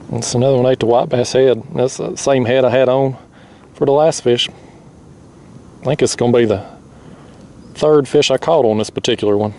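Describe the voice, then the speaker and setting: Young man, folksy and excited, laughs a lot, kayak fishing vlog, action camera, outdoor noise. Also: mid-range voice, measured pace, pauses often. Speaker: fishing vlogger. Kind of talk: casual outdoor fishing commentary. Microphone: action camera mounted on the kayak.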